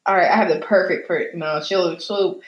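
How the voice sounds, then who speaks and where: A woman's voice: fairly low pitch, steady tone, normal speed, roomy sound, lo-fi sound. A woman, co-hosting a casual podcast chat, who teases and laughs often. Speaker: podcast co-host.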